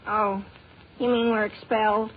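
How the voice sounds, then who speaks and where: A wisecracking teenage sidekick. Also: male voice, high-pitched, level tone, a little slow. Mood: scheming. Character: cocky teenage boy, the hero's pal. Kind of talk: 1940s radio acting. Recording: muffled old radio broadcast with hiss.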